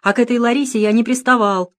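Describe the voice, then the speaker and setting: A woman's voice: fairly high pitch, steady tone, fast, pitched above the performer's own voice, lightly acted. A woman voicing a frightened, blustering male bank director in an audiobook, whining and snapping in panic. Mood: panicky. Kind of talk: audiobook character reading.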